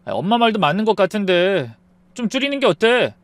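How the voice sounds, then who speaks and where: Woman doing a lower, placating young husband. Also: big pitch swings, fairly quick, no echo, lightly acted. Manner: pleading, exasperated. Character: weak-willed young husband, placating his mother.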